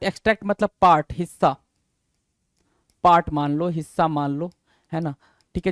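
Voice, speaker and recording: High pitched guy teaching vocab, keeps repeating words and quizzing, dry close sound. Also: dry recording. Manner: drills words, repeats and spells them out, asks students questions. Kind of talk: exam-prep lesson.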